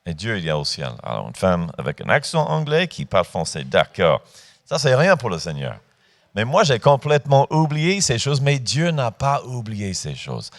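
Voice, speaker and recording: A man's voice: fairly low pitch, wildly swooping pitch, moderate pace. A man in his fifties preaching a sermon in a church, talking informally with hesitations and rising to emphatic points. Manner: rises to emphatic, lifted delivery on key points.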